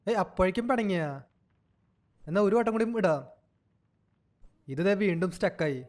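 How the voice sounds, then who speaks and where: A man's voice: high voice, animated, moderate pace. A young man giving playful game commentary, teasing and cooing at an in-game baby as if it were a child. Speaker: gaming channel host.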